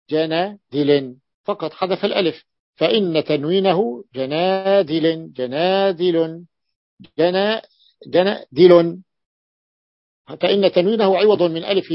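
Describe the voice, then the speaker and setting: A man's voice: fairly high pitch, no room sound. A male sheikh teaching a grammar lesson to students, repeating and drawing out words to stress them. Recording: dull lo-fi dry recording.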